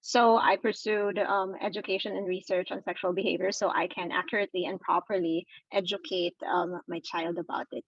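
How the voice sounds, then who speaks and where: A woman's voice: on the low side, steady tone, brisk, hardly any pauses, slightly rough, no room sound, lo-fi sound. A woman, a therapist guest, speaks earnestly in a casual interview with frequent fillers and light laughs. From Philippines. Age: adult with a daughter. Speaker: sex and relationships therapist, guest.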